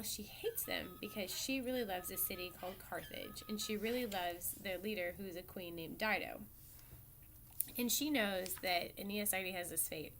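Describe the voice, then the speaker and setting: A woman teacher talks her class through an old epic in an easygoing, chatty way. Her voice sits at an ordinary middle pitch. She stops to fix her own words and throws questions out to the room. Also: fairly bright tone, a little hiss or hum. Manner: casual, chatty, self-correcting storyteller. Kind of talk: classroom lecture.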